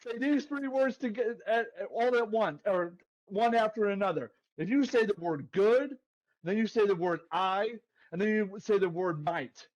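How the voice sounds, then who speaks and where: A man's voice: sits high, moderate pace, muffled recording. A man co-hosting a sports betting podcast, talking in a hyped, swaggering way and calling everyone "baby.". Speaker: co-host, sports betting picks. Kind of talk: casual podcast chat.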